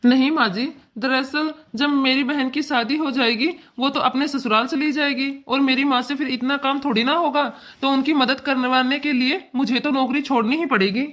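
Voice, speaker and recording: Woman voicing a joking cartoon son-in-law, deadpan, teasing, high. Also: moderate pace, hardly any pauses. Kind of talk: cartoon dubbing.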